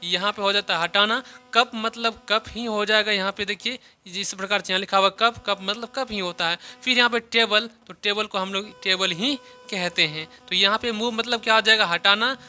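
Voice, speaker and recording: A man giving a spoken English lesson, slowly repeating example sentences and explaining each word's meaning step by step. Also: high voice, fairly even intonation, sharp tone, soft background music. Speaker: English teacher.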